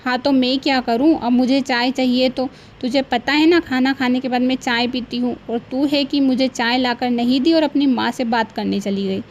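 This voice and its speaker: A woman's voice: sits high, steady tone, moderate pace, few pauses, muffled recording, a little hiss or hum, close to an everyday voice. A woman voicing a bossy, demanding middle-aged mother-in-law in a cartoon, with a nagging, scolding manner.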